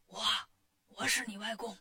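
In a storybook tale, a woman voices a boastful, cheeky male monkey king hero, teasing and playful with a cocky mood. Her voice is high, a bit bright and brisk, with lively intonation.

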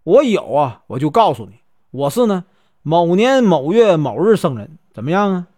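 A man's voice: a little high, sing-song, moderate pace, mellow. A man doing a teasing scruffy monk with a Northeastern accent. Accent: Northeastern Chinese. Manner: teasing, mock-humble banter. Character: scruffy, joking wandering monk, middle-aged man.

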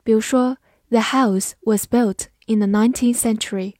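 A young adult woman teaching English vocabulary in a scripted lesson, spelling out words slowly and carefully. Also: a little high, fairly even intonation, mellow, dry recording, studio quality.

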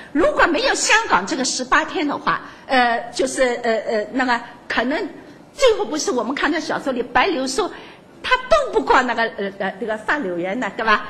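An older woman with a voice that sits high gives a lively talk to an audience, laughing often and stumbling through fillers and restarts. A little hiss or hum is audible in the recording.

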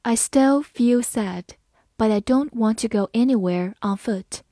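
A woman's voice: on the high side, warm tone, dry recording, clean studio sound. A young woman teacher leading a vocabulary lesson, saying each English word twice before explaining it. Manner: reads words twice, slow and clear, then glosses.

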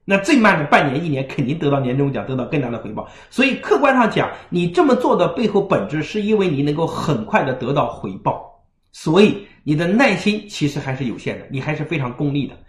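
Male parenting lecturer, fast and lively, keeps asking "right?", roomy sound. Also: on the high side. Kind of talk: livestream lecture. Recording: roomy echo.

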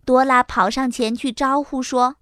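A woman narrating a children's storybook in a lively, expressive, unhurried way. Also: high voice, dry recording, studio quality. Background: children's music.

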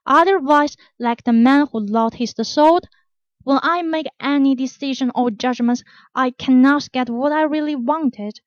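A woman hosting a storytelling podcast, reading a scripted story in a plain, unhurried way with small grammar slips. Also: sits high, dry recording. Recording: dull, dry lo-fi recording.

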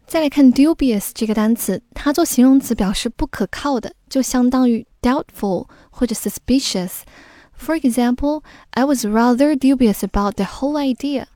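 A woman giving a scripted lesson, explaining each word slowly and clearly and mixing in English. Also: sits high, mellow, dry recording, clean studio sound. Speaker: English teacher.

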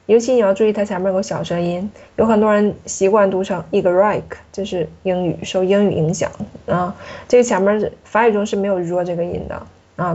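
A woman teaching a French alphabet lesson, patiently repeating each sound slowly for the learner. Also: medium pitch, mellow, highs cut off.

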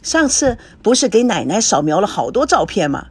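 Young man, a grandson in an audiobook, a woman reading him, light and casual, husky mid-range voice. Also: medium pitch, very animated, normal speed, no echo. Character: young grandson, newlywed man, evasive and kind.

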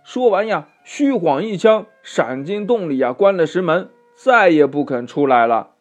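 A man narrating a children's story, gently drawing out his sentence endings. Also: on the high side, expressive, normal speed, soft background music.

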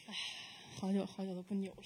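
A woman singer chatting casually from the stage of a live music venue between songs, relaxed and quick to laugh. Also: mid-range voice, breathy edge. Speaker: singer performing a live show.

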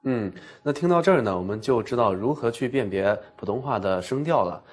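A man co-presenting a pronunciation lesson, asking questions and summarizing points in a measured way. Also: mid-range voice, animated, breathy edge. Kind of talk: scripted teaching dialogue.

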